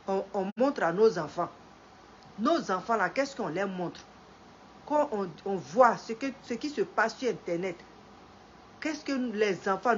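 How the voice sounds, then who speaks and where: In a mid-range voice, a middle-aged woman with a head cold greets her live-stream audience and gives a slow moralizing lecture, repeating phrases and growing emphatic as she preaches. The stream audio is dull and lo-fi, with faint ambience and slight background noise.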